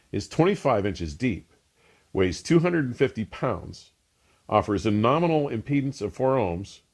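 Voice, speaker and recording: This man narrates a scripted audio equipment review as the show's host, delivering it with polish, emphasis and enthusiasm. His voice sits on the low side and has a darkish tone.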